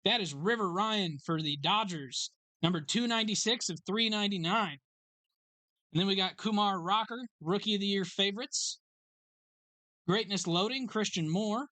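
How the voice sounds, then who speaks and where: A card break host in a sports card shop, briskly calling out card names and serial numbers as packs are opened. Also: medium pitch, bright, forceful tone, dry recording. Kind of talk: live card break commentary.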